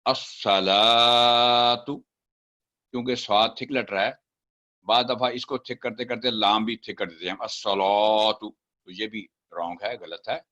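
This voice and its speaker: A man's voice: lowish voice, fairly even intonation, fairly quick, sharp tone, muffled recording. A man teaching Quran recitation, chanting example words syllable by syllable and then explaining the rules. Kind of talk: step-by-step recitation lesson.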